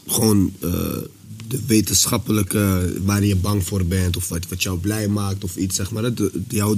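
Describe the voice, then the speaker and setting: A young male guest at a casual dinner chat, rambling in a relaxed way with lots of slang. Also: lowish voice, breathy edge.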